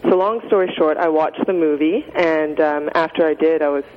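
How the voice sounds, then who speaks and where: A woman's voice: deep voice, steady tone, normal speed, slight background noise. A young woman from Canada talking casually as a radio guest, chatty and full of fillers. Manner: chatty, many fillers and likes. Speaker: guest, nonprofit founder. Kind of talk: casual interview answers. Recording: dull radio sound with long reverb.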